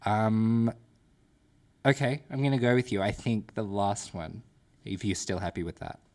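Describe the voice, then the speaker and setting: A man's voice: fairly low pitch, fairly even intonation, measured pace, darkish tone. A man co-hosting a podcast in casual chat, laid-back and jokey, with casual swearing. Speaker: podcast co-host.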